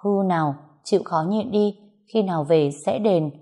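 A woman's voice: lowish voice, normal speed, dark tone. A woman voicing a shy young woman who coaxes and worries over the phone in an audio story. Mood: coaxing. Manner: coaxing, shy.

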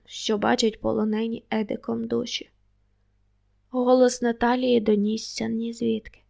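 A woman reading an audiobook aloud in a steady, even first-person storytelling voice. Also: on the high side, vocal fry. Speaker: audiobook narrator.

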